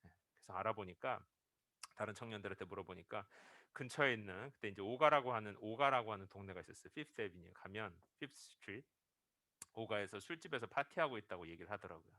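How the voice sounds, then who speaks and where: A man preaching a Sunday sermon. His pitch swings widely as he tells stories and acts out the quoted lines, and his tone is bright and forceful. He is close to the microphone, and the sound is dry. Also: animated, fast, no room sound. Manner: storytelling with acted-out quotes, rising to emphatic peaks. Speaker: pastor.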